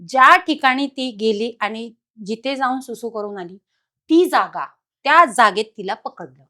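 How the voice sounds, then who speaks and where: A woman guest telling a personal haunting story in an animated, dramatic way. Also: fairly high pitch, a little slow. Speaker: podcast guest.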